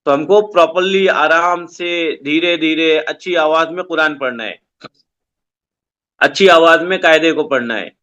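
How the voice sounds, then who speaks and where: A man's voice: fairly high pitch, sharp tone, highs cut off. A man teaching an online Islamic studies class to children over a video call, giving simple, repetitive instructions.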